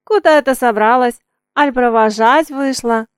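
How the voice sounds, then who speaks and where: A woman doing an old village coachman in an audiobook, gruff and teasing. He speaks in a raised voice, high for an old man and with a dry, close sound. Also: normal speed, no echo, close to an everyday voice. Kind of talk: audiobook reading.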